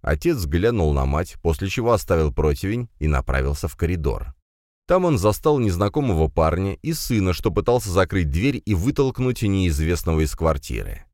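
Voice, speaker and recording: A man narrating a story in an expressive, animated reading. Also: deep voice, moderate pace, no room sound, studio quality. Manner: reads with lively, animated intonation. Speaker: audiobook narrator.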